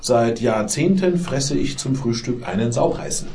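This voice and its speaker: A man's voice: mid-range voice, animated, a little mellow. A man from Bavaria, a guest in a casual podcast chat, telling stories with dry jokes. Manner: dry joking, slow storytelling.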